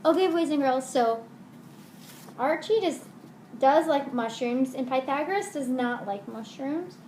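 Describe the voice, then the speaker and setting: High-pitched woman, slow kids show host style. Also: animated, a little mellow. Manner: kids show host, addressing children in a simple sing-song. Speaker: elementary math teacher. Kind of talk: children's math lesson, talking to kids. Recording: roomy echo with faint noise.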